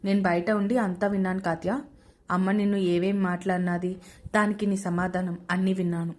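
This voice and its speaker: A woman's voice: lowish voice, little pitch movement, fairly quick, voice pushed down, natural voice. Woman doing a pleading young husband. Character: young husband caught between wife and mother.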